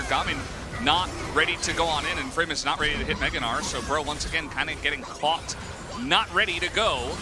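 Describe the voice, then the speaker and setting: A man calling esports play-by-play, joking with his co-caster and rising with the action. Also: fairly high pitch. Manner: lively, jokey, rises with the action. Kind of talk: play-by-play commentary. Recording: music bed under commentary.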